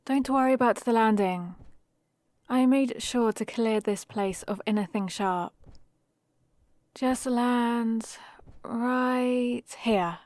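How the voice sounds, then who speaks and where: A young adult woman voices a young heroine on an adventure for an ASMR roleplay, her fairly high, slightly mellow voice captured close and dry on a studio-style microphone with no room sound. She talks to the listener slowly and intimately, teasing her companion with fond playfulness in a one-sided exchange.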